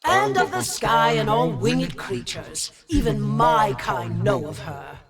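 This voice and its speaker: A man voicing a huge, fierce female mother dragon, slow and menacing, as he reads a fantasy game aloud. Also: very high voice, wildly swooping pitch, a loud crowd, voice pushed up, exaggerated voice. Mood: grave.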